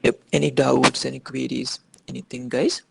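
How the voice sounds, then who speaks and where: Man, instructor, very creaky, average pitch, halting with fillers, online class call. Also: flat delivery, no room sound, low-quality recording. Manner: hesitant, many fillers and restarts. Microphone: video call.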